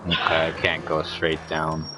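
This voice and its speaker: Deep-voiced young man streaming a game. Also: monotone, normal speed, noisy background. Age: young adult. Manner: musing, talking to himself while driving. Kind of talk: casual gameplay chat.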